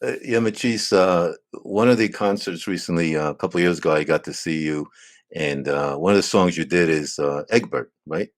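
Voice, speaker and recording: A man hosting an interview, talking casually in a halting way with many fillers. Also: low voice. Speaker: host.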